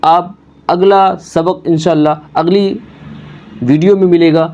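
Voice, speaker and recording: A male Quran reading teacher, giving a step-by-step beginner lesson, slowly repeating each letter sound and explaining patiently. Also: on the high side, steady tone, warm tone.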